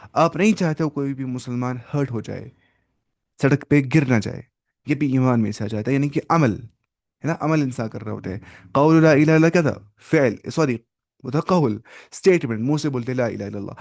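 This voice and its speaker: A man teaching a Quran lesson, reciting Arabic phrases slowly and then explaining them in Urdu with English words mixed in, his delivery emphatic, rising and falling. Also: medium pitch, a little mellow.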